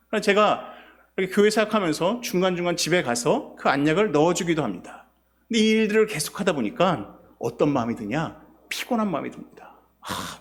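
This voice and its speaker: A male pastor preaching a sermon, posing rhetorical questions to his congregation. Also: high voice. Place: church sanctuary.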